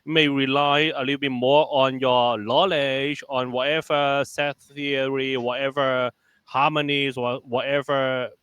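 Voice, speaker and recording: A man's voice with a bright, clear edge works his way through an idea, stopping and restarting as he searches for words. The sound is dry and close-miked. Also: medium pitch, little pitch movement, a little slow, no echo. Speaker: composer. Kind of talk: conversational discussion.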